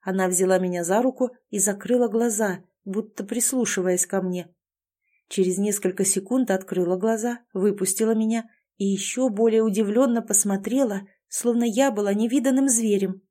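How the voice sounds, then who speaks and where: A young woman reading a first-person fantasy novel aloud, with lively storytelling. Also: medium pitch, moderate pace. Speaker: audiobook narrator.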